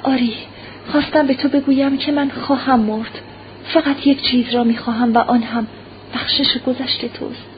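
A woman's voice: high voice, steady tone, close to an everyday voice. A woman reading aloud and voicing a dying young noblewoman who pleads urgently and breathlessly, on a muffled lo-fi recording with faint hiss. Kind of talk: audiobook character reading.

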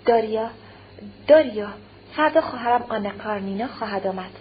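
A woman's voice: a little high, dull audio, slight background noise, close to an everyday voice. A woman voicing a remorseful pleading husband. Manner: soft, stammering, apologetic.

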